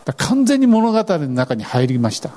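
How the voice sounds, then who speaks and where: A man preaching a sermon as pastor, animated and expressive, acting out scripture lines as he goes. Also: fairly high pitch, a little fast.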